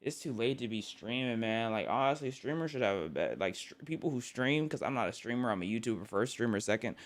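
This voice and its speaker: This tired young man keeps up casual live-stream chatter late at night, rambling, joking, and restarting or repeating himself often. His medium-pitched voice is expressive and quick-paced.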